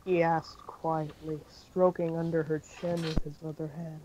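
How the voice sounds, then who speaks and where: Flat-voiced man reading fan fiction. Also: on the high side, measured pace, slight background noise, poor audio. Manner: monotone reading with slips and self-corrections. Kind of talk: amateur story reading.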